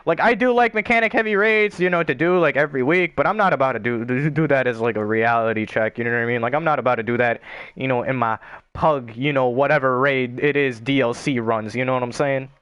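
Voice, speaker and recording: A man's voice: mid-range voice, fast talker, a bit bright, clean tone, no echo, dull audio. A young man chatting casually on a gaming stream, rambling and swearing with lots of filler words.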